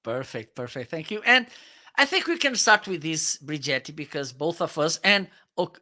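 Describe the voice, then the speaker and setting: Bright-voiced man hosting a live stream. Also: a little high, big pitch swings, moderate pace. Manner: enthusiastic, laughs often, long rambling questions. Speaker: show host.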